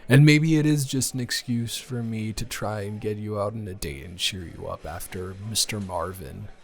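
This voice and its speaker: A deep-voiced man plays a smitten young man in an improvised romantic audio roleplay. He speaks to his casual lover hesitantly and earnestly, in a halting way.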